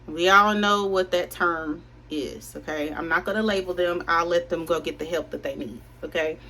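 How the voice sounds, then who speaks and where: A woman's voice: fairly low pitch, fairly even intonation, moderate pace, sharp tone. A young woman chatting casually to viewers while doing her makeup, rambling and confiding. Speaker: beauty vlogger.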